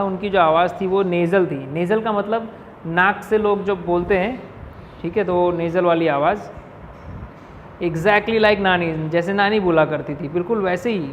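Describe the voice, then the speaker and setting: A male teacher explaining an English lesson in Hindi. He reads each English line slowly, then explains it, and often checks in with his class. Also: sits high, dull audio. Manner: keeps checking in with "ठीक है". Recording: reverberant room with faint noise.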